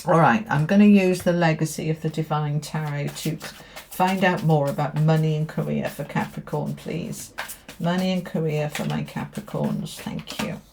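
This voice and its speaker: A woman's voice: low voice, fairly even intonation, normal speed, a little mellow, slight background noise. A woman giving a tarot reading straight to viewers, speaking in an emphatic, affirming way and repeating key phrases. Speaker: tarot reader.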